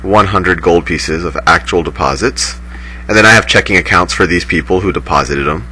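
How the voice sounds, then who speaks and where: A man lectures in a lowish voice with a sharp, bright, forceful tone, building an example piece by piece and pausing to fix his own slips. The audio has the thin, degraded sound of a low-quality stream. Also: a little hiss or hum. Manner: explains step by step, restarts and self-corrects. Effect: poor-quality sound, like a low-grade stream. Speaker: teacher explaining banking. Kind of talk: recorded lecture, thinking aloud.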